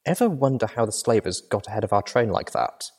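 A man's voice: fairly low pitch, animated, fairly quick, darkish tone, husky. A man voicing a small, earnest young mare who asks questions in an audiobook.

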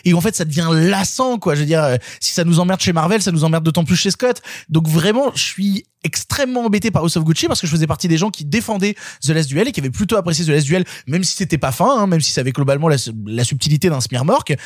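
A man critiquing a film in casual conversation, animated and exasperated. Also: a little high, dry recording, clean studio sound. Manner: animated, exasperated, quick-talking. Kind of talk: casual film review chat.

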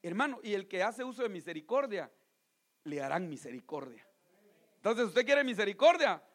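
High-voiced impassioned preacher. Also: male voice, big pitch swings, moderate pace. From Guatemala. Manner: impassioned, swings from loud appeals to hushed asides, calls listeners brother. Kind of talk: sermon.

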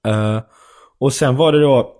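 A man's voice: medium pitch, a little mellow. A young male stand-up comedian telling an anecdote in casual chat, rambling and full of fillers.

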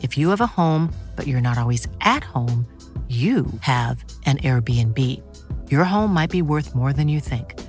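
A woman's voice: rumbling low, animated, measured pace, darkish tone. A woman reading a scripted advertisement. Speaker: ad voice-over. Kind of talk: scripted ad read. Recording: ad voice-over with music.

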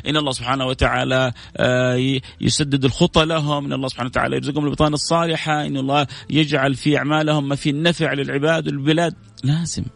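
A man with a Hijazi Saudi accent and a creaky, medium-pitched voice hosts a casual religious radio chat. He speaks to listeners affectionately, offering endearments and blessings.

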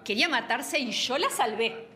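A brash, jealous busybody , as a woman plays her in a radio drama, talking. Her high, bright voice carries scorn and quick outrage. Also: expressive. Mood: gossipy. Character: gossipy, hot-tempered, jealous woman.

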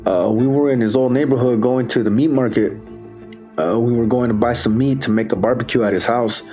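Male defendant, actor-read: medium pitch, plain and subdued, hesitant witness-stand answers, dramatized courtroom transcript. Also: brisk, dark tone, soft background music, natural voice. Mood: subdued, matter-of-fact. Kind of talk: re-enacted testimony from transcript.

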